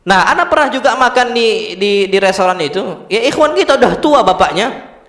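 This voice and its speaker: A man with an Indonesian accent giving a casual religious lecture, telling animated stories and mixing in Arabic terms. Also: sits high, normal speed. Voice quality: animated storytelling, mixes Arabic terms, laughs often. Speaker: Islamic preacher. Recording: echoey hall.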